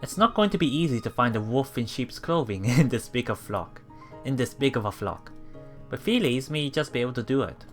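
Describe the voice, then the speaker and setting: A let's play streamer reads a game aloud in a mid-range voice, brisk and lively in intonation, with faint music in the background. He reacts casually and repeats phrases while working things out.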